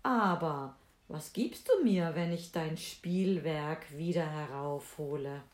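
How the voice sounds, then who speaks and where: A woman's voice: deep voice, slow. A woman voicing a male talking frog in a fairy tale reading, coaxing and insistent, in a roomy echo.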